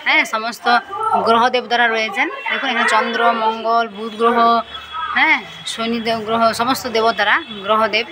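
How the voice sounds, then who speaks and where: A woman's voice: fairly high pitch, steady tone, brisk. A woman eagerly guiding viewers through temples, filmed on a handheld phone on busy outdoor grounds. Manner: eager, pointing things out, chanting. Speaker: vlog host, temple tour guide. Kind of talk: walking temple tour narration. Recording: loud crowd and street noise.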